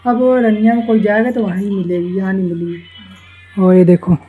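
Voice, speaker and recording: A young Indian village vlogger speaks at a normal speed in a high, flat, slightly rough voice, chatting to camera about his daily life. Filmed around his home, garden and roadside, the clip has phone-quality sound and faint music in the background.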